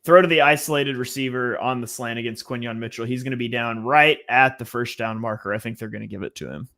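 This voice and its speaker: Bright-voiced man calling a game live. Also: medium pitch, quick pace. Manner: relaxed, reads viewer comments, calls plays. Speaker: live watch-party host. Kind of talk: live game commentary and chat.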